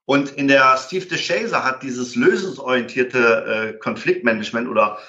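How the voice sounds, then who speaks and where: Bright-voiced man in a roomy room. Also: mid-range voice, normal speed. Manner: explains with many fillers and acted-out example dialogues. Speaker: guest expert on conflict resolution. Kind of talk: explanatory interview talk. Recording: roomy, dull lo-fi sound.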